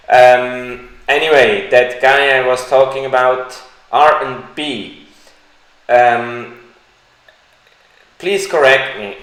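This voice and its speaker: A man who is not a native English speaker, hosting a live stream Q&A and answering viewers in a slow, deliberate, halting way. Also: mid-range voice, fairly bright tone. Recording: echoey room.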